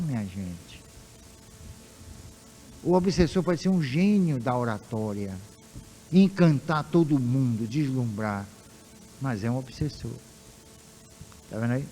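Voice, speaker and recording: A man with a Brazilian Portuguese accent giving an informal lecture on spiritism, animated, firing rhetorical questions at his audience and acting out dialogues. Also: medium pitch, a little hiss or hum, rough recording. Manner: acts out dialogues in quoted voices.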